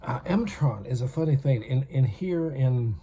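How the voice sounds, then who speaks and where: A man's voice: medium pitch, lively intonation, a little slow, mellow, dull audio, slight background noise. A man from North America giving a rambling, chatty hands-on toy review with self-aware asides.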